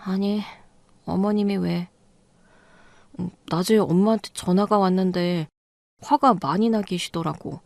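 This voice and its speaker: A woman's voice: mid-range voice, steady tone, a little slow, creaky, pauses often, a little mellow, no echo, studio quality. A woman voicing a bewildered husband who defends himself in a radio drama story. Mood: defensive. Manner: defensive, pleading.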